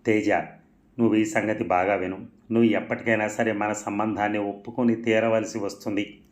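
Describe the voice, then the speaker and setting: A man's voice: fairly low pitch, flat delivery, moderate pace, lightly acted. A man voicing a wronged but defiant young village woman in a storybook reading, in an earnest, pleading manner. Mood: angry. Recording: roomy echo.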